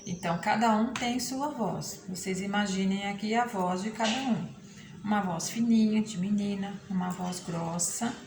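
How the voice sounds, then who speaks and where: Brazilian woman teacher in an echoey room. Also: mid-range voice. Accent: Brazilian Portuguese. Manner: patient, checks in with frequent "tá?". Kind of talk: remote lesson explaining a textbook. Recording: echoey room with background noise.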